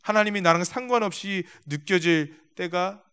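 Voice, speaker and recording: A man's voice: high-pitched, moderate pace, a bit bright, clear, resonant tone. A male pastor preaching a sermon in a church, telling stories, acting out quotes and speaking directly to the congregation. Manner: storytelling with acted-out quotes. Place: church sanctuary.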